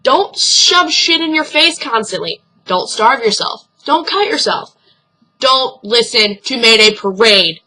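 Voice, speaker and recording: Blunt, bright-voiced young woman vlogger. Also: on the high side, lively intonation, measured pace, rough recording. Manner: blunt and earnest, swears freely. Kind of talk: casual advice vlog.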